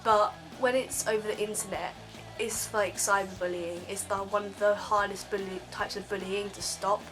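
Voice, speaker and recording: Teen girl, casual vlog rant, rambling, lots of ums, mid-pitched, music underneath. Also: level tone, moderate pace, low-quality recording. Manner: rambling, filler-heavy, frequent ums. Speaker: vlogger. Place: bedroom, on her bed.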